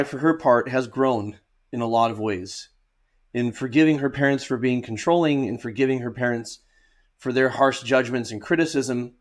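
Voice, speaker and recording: A man giving analytical, explanatory commentary as a therapist, with emphatic phrasing. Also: mid-range voice.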